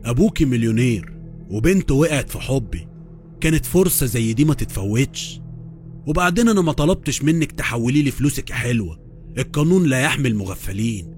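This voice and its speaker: Man doing a callous Egyptian husband, cold and brisk, story reading. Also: medium pitch, lively intonation, a little mellow, soft background music, natural voice. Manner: cold and insolent.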